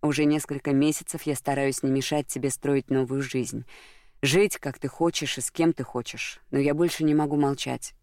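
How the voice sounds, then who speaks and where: An audiobook reader playing a gentle, earnest man in love, speaking in a soft, caring, serious tone. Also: medium pitch, steady tone, moderate pace, dry recording, studio quality, close to an everyday voice. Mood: tender, earnest.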